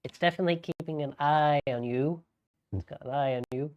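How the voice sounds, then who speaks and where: A bingo host calling a live game in a casual, unscripted way, with hesitant, halting delivery. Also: mid-range voice, a little mellow, clear, resonant tone.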